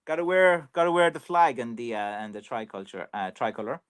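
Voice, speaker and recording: An Irish man who makes walking sticks professionally chats casually on a livestream, reading viewer comments and rambling with plenty of fillers. His mid-range voice is animated, fairly quick, a bit bright, and smooth.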